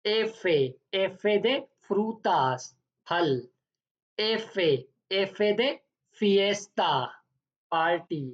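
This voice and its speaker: A woman teaching the alphabet in a language lesson. She speaks slowly and deliberately, spelling words out letter by letter, repeating each one and then giving its meaning. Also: medium pitch. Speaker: Spanish teacher. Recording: dull lo-fi recording.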